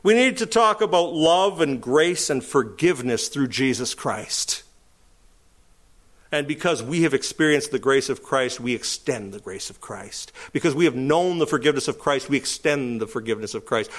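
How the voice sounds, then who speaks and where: Animated, lively-voiced male preacher. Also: moderate pace. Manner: animated preaching, rising to emphatic high calls. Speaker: pastor. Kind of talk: sermon.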